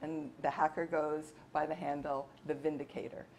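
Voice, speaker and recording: A woman author reads her novel aloud in a steady, measured way. Her voice sits on the lower side, with a faint hum of the room around her. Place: bookstore event.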